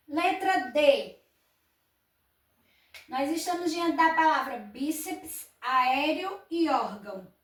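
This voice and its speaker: High-pitched lady teacher going over exercises, patient, kinda far from the mic in an echoey room. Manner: patient, asks and answers her own questions. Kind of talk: explaining grammar exercises.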